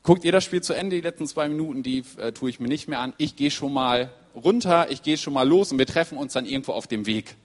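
A man preaching a sermon in a lively storytelling way, acting out the voices of the people he quotes. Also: mid-range voice, quick pace, few pauses. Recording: long reverb in a hall.

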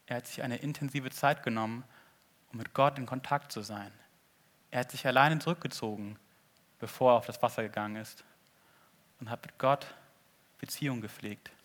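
A man preaching a sermon in an earnest way, swinging between loud appeals and hushed asides. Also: medium pitch, moderate pace, pauses often. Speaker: pastor.

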